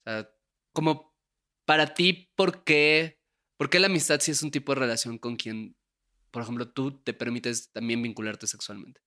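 Podcast host, young Mexican man, bright forward voice, loose talkative delivery with frequent laughs. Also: medium pitch, fairly even intonation, moderate pace. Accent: Mexican Spanish. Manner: chatty, laughs often, frequent tag questions. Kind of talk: casual conversation.

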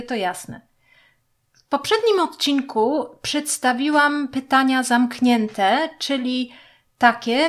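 A woman teaching a German lesson, reading example sentences aloud and repeating them with careful, clear pronunciation. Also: on the high side. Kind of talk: slow scripted language lesson.

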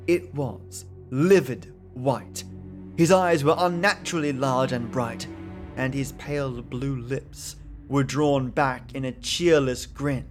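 A man reading a classic story aloud in measured, dramatic storytelling narration. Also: medium pitch, soft background music.

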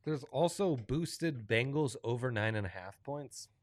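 A man's voice: mid-range voice, lively intonation, unhurried, no echo. A man co-hosting a sports betting show, chatting casually and informally.

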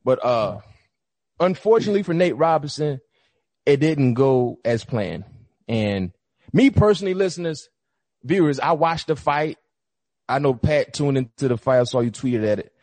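A man's voice: mid-range voice, animated, normal speed, long pauses, darkish tone, no echo. A man co-hosting a sports talk show, telling stories with lots of animation and acting out the coaches he quotes. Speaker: podcast co-host. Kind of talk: casual sports chat.

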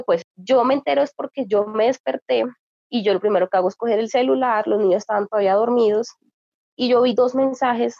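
A young woman giving a halting, grief-filled personal account in an interview. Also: mid-range voice, creaky, dark tone, no echo, dull audio. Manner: grieving, halting, emotional. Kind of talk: personal testimony.

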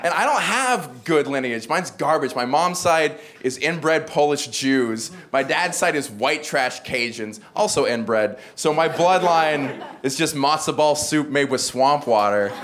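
Performing stand-up at a comedy club, this young Southern man without a regional accent delivers dry, self-deprecating asides in a slightly high voice with lively intonation. He's unhurried and rarely pauses, while the live crowd's loud laughter fills the recording.

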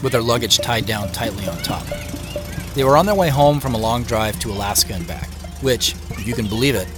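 Playing a Seattle man in his forties who is curious and reflective, an actor narrates a scripted first-person family mystery. The pitch is fairly low, and the delivery stays close to an everyday voice.

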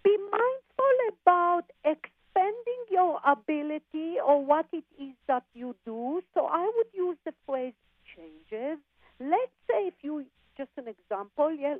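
A woman's voice: high-pitched, no echo. Psychic woman on a tinny phone line. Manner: calls people darling and honey, halting with fillers. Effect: phone line into a radio show. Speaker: psychic medium guest on a radio show.

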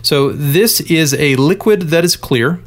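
A man's voice: a little high, unhurried. A man co-hosting a casual podcast, explaining a spirit with an easygoing, joking manner. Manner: explanatory, joking, enthusiastic about drinks. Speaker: podcast co-host. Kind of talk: casual chat.

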